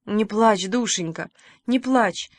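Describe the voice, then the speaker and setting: Woman reading as a brisk motherly village lady. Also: medium pitch, animated, no room sound, studio quality, close to an everyday voice. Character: kindly fussy middle-aged village woman.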